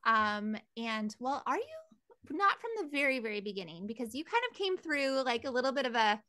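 A woman's voice: on the high side, big pitch swings, a little fast, sharp tone, no room sound, studio quality. A woman hosting a podcast, bubbly and enthusiastic as she introduces and interviews a guest. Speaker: podcast host.

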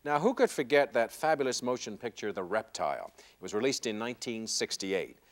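Lively man hosting a game show. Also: mid-range voice, a little fast. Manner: wry, joking, conversational. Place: television studio. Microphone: lapel mic.

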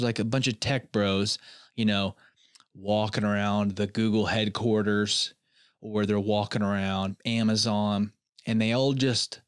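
A man's voice: on the low side, a bit bright, no echo, clean studio sound. A young man hosting a comedy podcast, rambling in a mock-earnest way and often restarting his sentences. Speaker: podcast host. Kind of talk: comedic solo podcast monologue.

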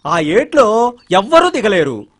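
A lively husky gardener. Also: male voice, high-pitched, measured pace, heavily acted. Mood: earnest telling. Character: meek, earnest village gardener storyteller. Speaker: gardener telling a story. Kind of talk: comedic film dialogue.

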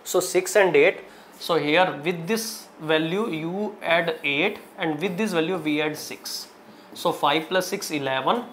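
A man's voice: a little high, fairly bright tone, slight background noise. A man in his thirties with a North Indian accent, teaching aptitude problems step by step in short, repeated, emphatic phrases. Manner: instructional, short broken phrases with repetition and emphasis. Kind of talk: classroom lesson, solving problems step by step. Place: indoor teaching studio in front of a digital board.

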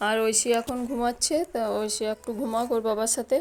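A young woman, a mother narrating a casual home vlog and coaxing her baby in a loud sing-song. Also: fairly high pitch, fairly even intonation, fairly quick. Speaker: vlogger mother. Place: home bedroom. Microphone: phone camera. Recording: home video with clear background noise.

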